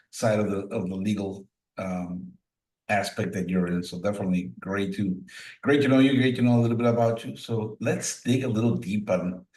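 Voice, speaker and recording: Low-voiced host in an echoey room, mic far off. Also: male voice, darkish tone. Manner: rambling, halting phrasing. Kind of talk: interview questions.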